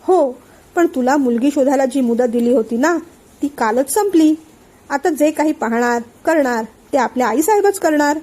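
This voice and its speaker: A woman voicing a calm older man who patiently explains and soothes his friend. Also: high voice, moderate pace. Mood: calm, persuasive. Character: calm older male friend and family elder.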